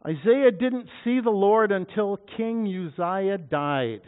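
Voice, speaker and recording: Guy preaching, slow, kinda high voice, booms out the big lines, sounds like a phone line. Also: expressive, clean tone. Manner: dramatic, shouting scripture at peaks. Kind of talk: sermon.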